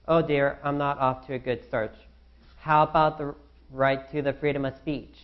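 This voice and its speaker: A man's voice: mid-range voice, flat delivery, moderate pace, muffled recording, close to an everyday voice. A young man playing an anxious founding father in a student skit, fretting aloud to himself. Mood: worried musing. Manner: fretful, talks to himself.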